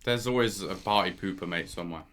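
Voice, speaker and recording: A man's voice: low voice, quick pace, a bit bright. A man co-hosting a podcast in casual chat, blunt and laid-back with slangy wording. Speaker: podcast co-host.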